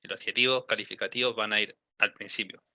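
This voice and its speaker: A young man, giving one-on-one English pronunciation coaching, patient and modeling words slowly with many fillers. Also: fairly low pitch, steady tone, pushed and bright, dry recording. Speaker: English teacher.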